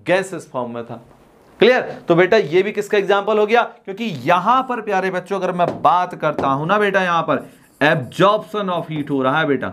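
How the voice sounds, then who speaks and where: A man teaching a class, calling students "dear children" affectionately, asking questions and answering them himself, and reading definitions slowly. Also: sits high, a bit bright. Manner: reads English definitions slowly. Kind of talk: classroom lecture.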